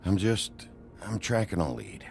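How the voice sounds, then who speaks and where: An actor playing a gruff, sardonic werewolf sheriff in a video game, terse and gravelly. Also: male voice, deep voice, sing-song, a little slow, darkish tone, a little hiss or hum, heavily acted. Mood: weary, defensive. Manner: terse, dry, understated. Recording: game music behind the voice. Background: music.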